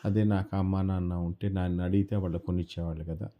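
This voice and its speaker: A man's voice: steady tone, quick pace, highs cut off, close to an everyday voice. A man storyteller voicing a poor orphan village boy, speaking in a raised, plaintive voice. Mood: sorrowful. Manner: raised, plaintive, slightly higher voice.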